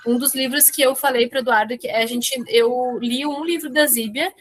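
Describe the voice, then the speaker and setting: A woman's voice: high-pitched, normal speed. A woman leading a casual book club chat, encouraging and full of tag questions.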